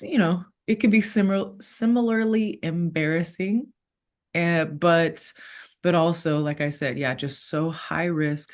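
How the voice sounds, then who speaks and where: Chatty woman, rambling and laughing. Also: low-pitched. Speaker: guest, former fighter turned actor. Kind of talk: casual interview talk.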